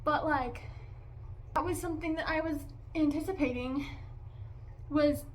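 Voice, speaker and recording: A woman's voice: sits high, measured pace. A young woman vlogger giving a casual, exasperated movie review, chatty and full of "like" and "okay?".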